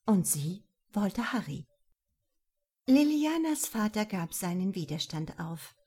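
A woman narrating a novel in an expressive, lively reading voice. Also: mid-range voice, takes it slowly, slightly rough. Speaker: audiobook narrator.

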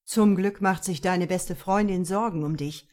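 A woman voicing an angry middle-aged father who speaks loudly and menacingly in an audiobook. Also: on the low side, unhurried, close to an everyday voice. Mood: stern angry. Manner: loud, stern, menacing.

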